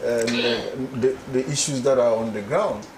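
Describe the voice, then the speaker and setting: A man's voice: mid-range voice, a little slow, noisy background. Earnest Ghanaian man on a panel. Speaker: politician guest. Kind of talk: studio panel discussion.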